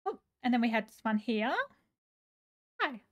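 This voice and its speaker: A woman live streamer chatting casually and gushing as she reads chat aloud. Her voice is going a little hoarse. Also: fairly high pitch, unhurried.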